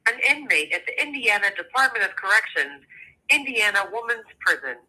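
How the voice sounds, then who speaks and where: A woman's recorded voice announcing a call from a prison on the phone system, in a measured, formal way. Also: mid-range voice, very animated, sharp tone. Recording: phone-line audio.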